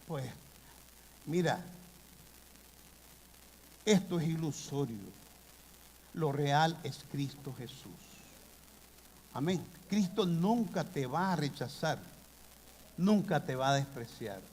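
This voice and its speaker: Impassioned high-voiced male preacher. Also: lively intonation, slow pace, long pauses, slight background noise. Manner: impassioned preaching with sudden loud bursts. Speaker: pastor. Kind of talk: sermon. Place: church hall. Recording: long hall reverb.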